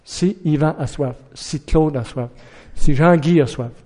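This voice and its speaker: A man preaching a sermon in an earnest way, asking rhetorical questions and acting out shouted warnings. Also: on the high side, measured pace.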